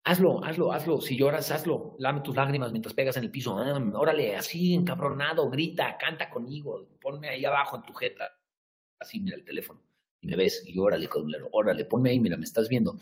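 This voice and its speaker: A man's voice: medium pitch, expressive, a little fast. Profane, blunt Mexican man ranting. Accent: Mexican Spanish. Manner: profane, blunt, shifts from hushed to shouting. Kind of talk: motivational rant to camera.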